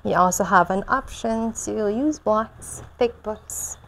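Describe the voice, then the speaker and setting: A young woman teaching restorative yoga and guided meditation in a soothing, gentle manner. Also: mid-range voice, slow pace, creaky, slight background noise. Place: large bare indoor room with concrete floor. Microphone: chest-worn mic.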